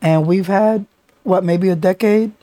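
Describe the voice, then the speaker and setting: A man with a New York accent hosting a podcast, his voice raspy because he is sick; he talks in long, thoughtful, run-on sentences. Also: high-pitched, a little slow, warm tone, no room sound. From the Bronx. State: sick, under the weather. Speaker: podcast host. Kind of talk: casual chat.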